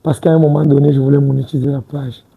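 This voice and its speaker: Gravelly, husky man in his twenties. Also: mid-range voice, flat delivery, fast, narrow, tinny audio. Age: 20s. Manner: hesitant, repeats words and restarts, says "tu vois un peu". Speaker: interview guest. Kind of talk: casual interview talk. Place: TV studio set.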